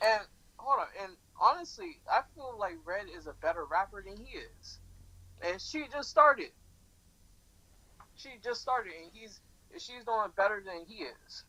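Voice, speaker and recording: A twenty-one-year-old man talks casually as a guest and rambles, often stopping to restart his thoughts. His voice is bright and lively, with a wide swing in pitch from moment to moment. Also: unhurried, poor audio. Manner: rambling with many restarts and fillers. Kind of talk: casual podcast chat.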